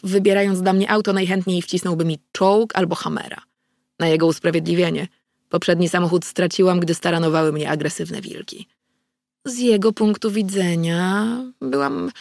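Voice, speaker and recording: A woman narrating a novel in the first person at a steady, measured pace. Her voice has a gravelly grain. The recording is close and dry, without room echo. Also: lowish voice. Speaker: audiobook narrator.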